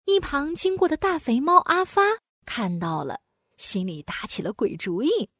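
A woman narrating a children's storybook in an animated, sing-song way, with playful sound words. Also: high-pitched, normal speed, breathy edge, no room sound, studio quality.

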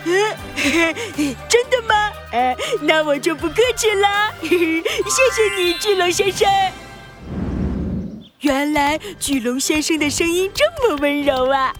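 A woman voicing a plucky, excitable little boy pig hero in a children's audio story, with an eager, childlike delivery. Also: extremely high pitch, slow, over music. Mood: excited, delighted.

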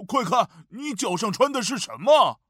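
A woman putting on a deep voice to play a calm, encouraging father in a children's story. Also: normal speed, slightly rough, dry recording. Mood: cheerful. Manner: deep put-on voice, cheerful.

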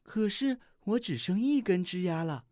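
A storybook reader voicing a kind, playful young deer in a soft, gentle, yielding voice. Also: mid-range voice, lively intonation, normal speed, no echo, clean studio sound, voice pushed up, natural voice.

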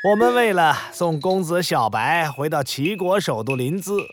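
A man narrating a children's story in an expressive, explanatory way. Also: on the high side, normal speed, soft background music.

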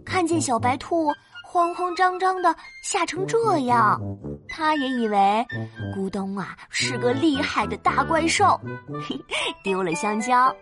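A woman telling a children's story as a mother, playful and animated, with sound words. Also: sits high, unhurried. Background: children's background music.

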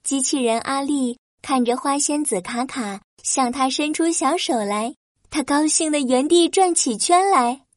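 A woman's voice: high voice, unhurried, no room sound, clean studio sound. A woman reading a scripted children's story as its narrator.

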